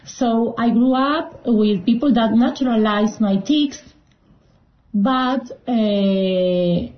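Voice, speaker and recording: A young woman from Argentina whose first language is Spanish tells her story as an interview guest, slowly and with hesitant restarts. Her voice sits a little high. The recording is roomy and somewhat dull. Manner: hesitant, with frequent fillers and restarts. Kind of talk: personal account in an interview.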